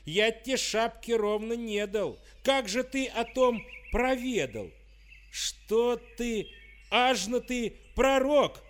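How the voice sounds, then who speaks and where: A man voicing a frightened, excitable young peasant who pleads and protests, in a storybook verse reading. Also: extremely high pitch, slow pace, a little hiss or hum, voice pushed up, exaggerated voice. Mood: indignant.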